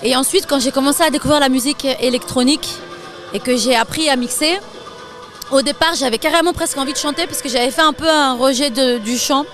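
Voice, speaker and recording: A young French woman talking casually about her career in an interview, chatty and quick to laugh. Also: sits high, faint music behind. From France. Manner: lively, laughs often, chatty with fillers. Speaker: interview guest, singer and DJ.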